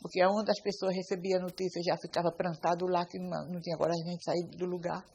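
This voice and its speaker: A middle-aged woman, a mother, giving a documentary interview and telling her story slowly, halting, often quoting and repeating herself. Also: fairly low pitch, level tone, a little mellow, a little hiss or hum, rough recording. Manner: slow, halting retelling with quotes and repeats. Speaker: mother of a victim.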